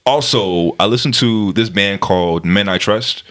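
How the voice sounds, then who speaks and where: A man with a low-pitched but bright, forceful voice in casual chat. He rambles and circles back, repeating phrases as he builds his point. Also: a little slow.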